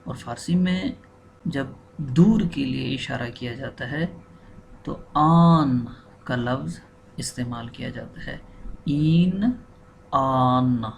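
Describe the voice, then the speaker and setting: A male teacher, a native Urdu speaker, patiently explaining a language lesson and repeating each word slowly. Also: mid-range voice, creaky, darkish tone, slight background noise. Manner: patient, repeats and spells out words.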